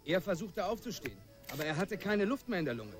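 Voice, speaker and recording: An actor playing a firefighter who vividly retells a rescue in a radio drama. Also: male voice, high voice, big pitch swings, fast talker, over music. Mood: recounting. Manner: vivid storytelling.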